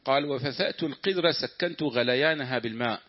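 A man reading a classical text aloud in a lesson, at a measured pace with pauses for the teacher's remarks. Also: mid-range voice. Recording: dull lo-fi lesson recording.

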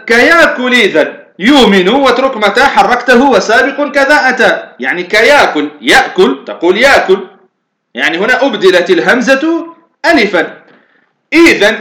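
A man's voice: high-pitched, bright, forceful tone. A man from Tunisia teaching a lesson, explaining step by step and putting questions to himself before he answers them. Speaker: teacher of Arabic morphology. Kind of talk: lecture explaining a grammar poem. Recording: echoey room.

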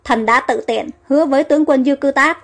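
A woman's voice: high voice, brisk, a bit bright. A woman voicing a male royal advisor who pleads formally before the king. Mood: pleading.

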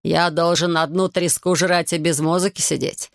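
A tipsy, bragging old fisherman who drawls and lingers over every toast, his voice gravelly and rough, as a male reader puts him on. Recorded dry and close, with no room sound. The loud, sentimental drunk of an audiobook. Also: a little high, level tone, moderate pace, no room sound. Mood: drunk boasting. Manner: slurred, dragging, loud and maudlin.

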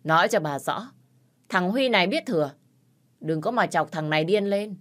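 A woman voicing a hot-tempered young man who shouts back defiantly and curses. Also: fairly low pitch, animated, moderate pace, natural voice. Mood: furious.

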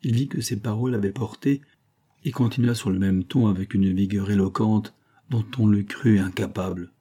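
A man narrating a classic novel in a measured, dramatic reading. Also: fairly low pitch, steady tone, warm tone. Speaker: audiobook narrator. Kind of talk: literary audiobook narration.

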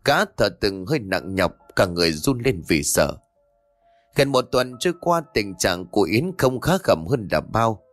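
A man narrating a ghost story in an expressive storytelling way over faint music. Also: lowish voice, no room sound.

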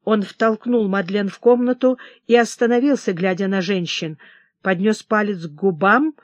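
An audiobook narrator reading a historical novel in a measured, dramatic way. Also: medium pitch, dry recording, muffled recording.

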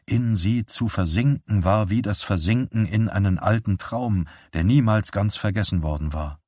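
A man narrating a novel as an audiobook in a calm, measured reading. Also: fairly low pitch, dry recording, clean studio sound. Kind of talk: scripted narration.

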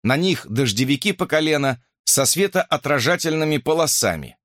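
A man narrating an audiobook in an expressive, animated reading. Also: fairly high pitch, normal speed, dry recording, studio quality.

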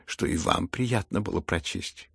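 A man voicing a meek, gentle young prince in an audiobook, who talks softly and hesitantly, with a husky voice. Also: deep voice, measured pace, no room sound, studio quality, full character voice. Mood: earnest. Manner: soft, hesitant and earnest. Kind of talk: audiobook character reading.

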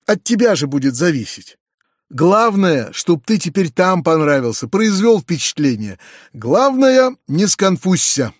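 A man voicing a kind, excitable middle-aged uncle who gushes, hurries and stammers. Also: fairly high pitch, a little slow, dry recording, clean studio sound. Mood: gushing.

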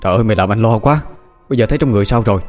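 A man's voice: on the low side, racing, soft background music, close to an everyday voice. A man as a worried, caring older brother. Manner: gentle, anxious, concerned.

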